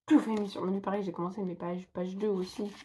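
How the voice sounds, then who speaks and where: A young woman chats loosely to her viewers, rambling from one thought to the next and poking fun at herself. Her voice sits at an ordinary middle pitch and she fills her talk with casual fillers. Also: steady tone, fast, dark tone, a little hiss or hum. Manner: chatty, rambling, self-mocking, filler-heavy. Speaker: book vlogger. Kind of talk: casual chat to camera.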